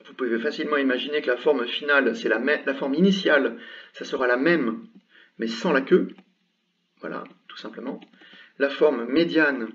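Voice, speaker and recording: A man teaching an Arabic lesson, explaining patiently and sounding out example syllables slowly with many hesitations. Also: medium pitch, fairly bright tone. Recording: dull sound from a distance from the mic.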